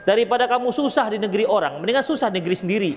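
A man's voice: high-pitched, animated, racing. A man quoting a village mother who plainly tells her son to come home, in a hall with long reverb. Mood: urging.

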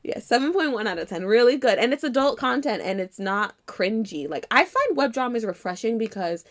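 A woman's voice: a little high, fairly quick. A woman co-hosting a casual chat, reviewing dramas with frequent laughter and an occasional cough. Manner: laughs often, animated storytelling. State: coughing now and then.

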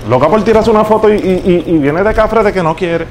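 Brief: a man as a vain Puerto Rican fake pop star, high voice, pushy street prank. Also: fairly quick, a little hiss or hum, close to an everyday voice. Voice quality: boastful, pushy, calls everyone papi. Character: male self-important fake famous Puerto Rican singer. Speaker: prank show host. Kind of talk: hidden-camera prank.

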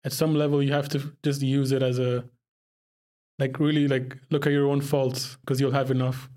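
A man's voice: medium pitch, flat delivery, moderate pace, darkish tone. A young man from Pakistan, a podcast guest talking casually and reflectively, often breaking into laughter. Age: young adult. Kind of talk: casual conversation.

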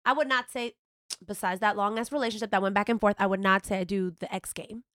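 A woman hosting a podcast, lively and teasing with slangy talk, her voice congested. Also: medium pitch, fast talker, no room sound, clean studio sound. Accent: American. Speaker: podcast host. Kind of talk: casual podcast chat.

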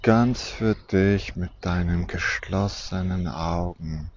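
A man guiding a deep relaxation and sleep journey in a soft, soothing, hypnotic manner with long pauses. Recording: dull muffled recording with background noise.

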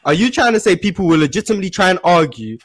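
Incredulous man with a lively voice. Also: high voice, very fast. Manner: incredulous, dismissive. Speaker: debate panelist. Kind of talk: heated debate.

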